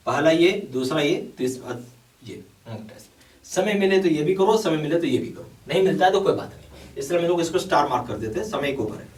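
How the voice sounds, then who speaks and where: A bank exam coaching teacher with a slightly high voice explains a course to his students, urging and emphatic, saying "okay" again and again. The mic sits at a distance in an echoey room.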